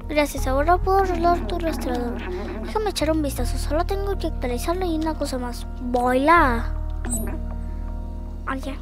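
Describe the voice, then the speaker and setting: A woman's voice: sits high, moderate pace, natural voice. A woman reading out the lines of a shivering robot repairman in a video game, matter-of-fact. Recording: game music playing behind.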